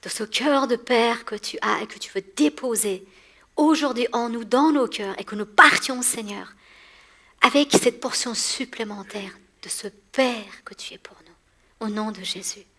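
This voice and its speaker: A woman in her forties from Iran preaches to a women's gathering in a church hall. Her voice is bright and forward, and she talks in an animated way, laughing often and stumbling over repeated words. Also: a little high, unhurried.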